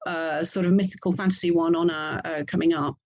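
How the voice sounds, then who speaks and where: This interview guest, an English author and audio drama producer, explains her points while thinking aloud and revising herself as she goes. She speaks fairly quickly in a lowish voice with a steady tone, in a relaxed, conversational exchange.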